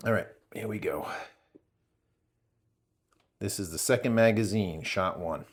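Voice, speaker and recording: A low-voiced man with a New England accent talks through a hands-on gear test. He calls out readings one after another and rambles into chatty asides between them, in an easy, unscripted way. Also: unhurried, a little hiss or hum. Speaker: channel host testing gear. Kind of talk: casual hands-on test narration.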